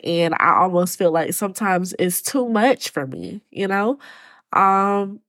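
A woman hosting her own podcast, talking to her listeners in a halting, choked-up way and close to tears. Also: medium pitch, fairly bright tone, no echo. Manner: speaks to listeners as y'all. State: tearful. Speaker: podcast host. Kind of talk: personal solo podcast talk.

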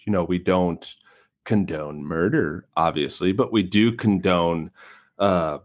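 A man's voice: sits low, slow. A man with an American West Coast accent co-hosting a podcast, talking casually about a film with lots of fillers and restarts. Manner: rambling, many fillers and restarts. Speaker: podcast co-host.

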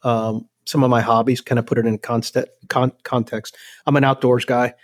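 An older man from El Salvador, a company president talking as a guest in a relaxed, rambling way with many ums and restarts. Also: medium pitch, moderate pace. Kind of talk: casual interview chat.

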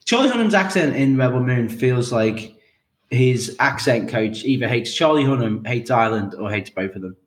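A man's voice: mid-range voice, expressive, moderate pace. Joking male podcast host, roomy sound. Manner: joking, rambling, mock-outraged. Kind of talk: casual film chat.

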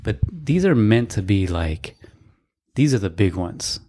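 A man's voice: fairly low pitch, sing-song, a little slow, mellow, breathy edge. A man co-hosting a casual podcast, talking in a laid-back, dry, rambling way with fillers. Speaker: podcast co-host. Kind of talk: casual chat.

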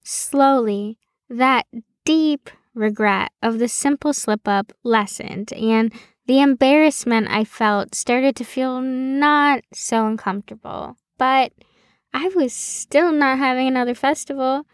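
Female podcast host, slow measured personal narration, slightly high voice, dry close sound. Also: no room sound. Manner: slow, deliberate storytelling.

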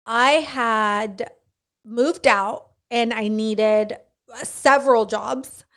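A young woman telling a funny story in casual chat, animated and laughing, acting out the people she quotes. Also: on the high side, very slow.

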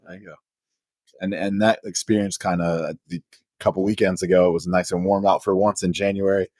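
Deep-voiced man hosting a casual podcast. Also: a little fast, no room sound, clean studio sound. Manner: relaxed storytelling, fillers, laughs. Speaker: podcast host. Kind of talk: casual conversational interview.

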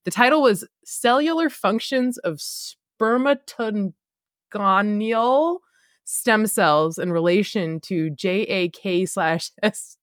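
A woman's voice: mid-range voice, slow, dry recording, studio quality. A woman co-hosting a casual podcast chat, laughing often as she talks. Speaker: podcast co-host.

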